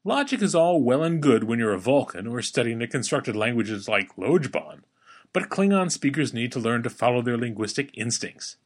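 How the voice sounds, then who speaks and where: A man hosting a daily language-lesson podcast, teaching in a playful, wry way and slowing down to model sounds for the listener. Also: medium pitch, very animated. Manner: slows down to spell out and model pronunciation.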